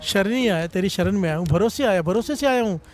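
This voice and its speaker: High-voiced man preaching over music. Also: lively intonation, fairly quick, darkish tone. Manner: fervent, repeatedly prompts the congregation to respond; slips into sung phrases. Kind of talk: devotional sermon with call-and-response.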